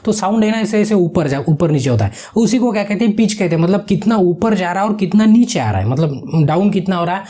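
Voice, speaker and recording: A man with a high, mellow voice walks students through quiz answers. He keeps asking questions back to the viewer before giving each answer, in a patient, explanatory teaching manner. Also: expressive, quick pace, hardly any pauses. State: sweating from heat. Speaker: online exam-prep teacher.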